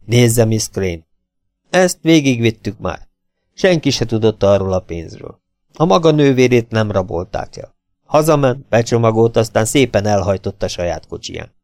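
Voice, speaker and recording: A man voicing a calm, sly middle-aged detective, measured and needling. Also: medium pitch, no room sound, clean studio sound, close to an everyday voice.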